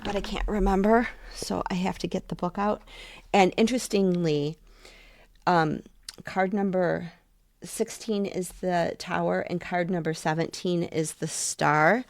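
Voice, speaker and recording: A middle-aged woman with a notably low voice gives a casual tarot reading. She is chatty and excitable, thinking aloud and sometimes speeding up. The sound is dry and close, with no room behind her. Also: gravelly, dry recording. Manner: talks fast at times. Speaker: tarot reader.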